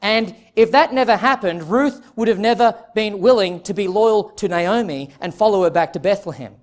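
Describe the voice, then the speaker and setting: A man's voice: high voice, moderate pace. A man preaching an expository sermon as a pastor, earnest and emphatic, putting direct questions to his listeners.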